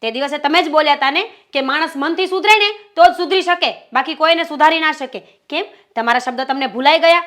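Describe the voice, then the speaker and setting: A woman plays a jealous wife pressing her husband with accusations and biting sarcasm. Her voice is high and bright. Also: brisk, hardly any pauses. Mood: accusing. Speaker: suspicious wife. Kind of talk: Gujarati short-film family drama acting.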